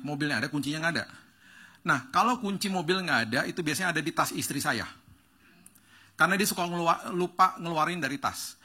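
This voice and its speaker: Pastor, male, bright voice, a touch husky, animated storyteller. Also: on the high side. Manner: animated, acts out dialogue with rising excitement. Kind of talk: storytelling sermon. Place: church stage.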